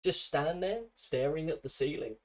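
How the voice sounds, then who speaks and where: A man's voice: on the high side, moderate pace. Sardonic British male commentator. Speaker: commentary video narrator.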